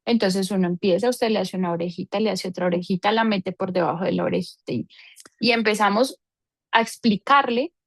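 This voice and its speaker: A woman's voice: mid-range voice, a little fast, dry recording. A woman teaching a parenting seminar, explaining with everyday examples and affectionate diminutives.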